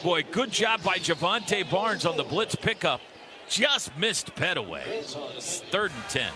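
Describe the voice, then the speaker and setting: Very animated yet unhurried, a high-voiced man calls football play-by-play live on radio from a stadium booth, with music in the background. His vivid, clipped calls swell during big plays, and the broadcast is clearly noisy.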